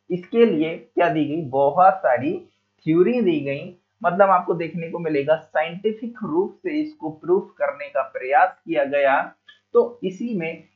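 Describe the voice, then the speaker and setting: A man giving a geography lesson, often repeating key terms and putting questions to the class, casually calling his listeners "brother.". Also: on the high side. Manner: casual, addresses listeners as "bhai". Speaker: teacher. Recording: phone-like narrow sound.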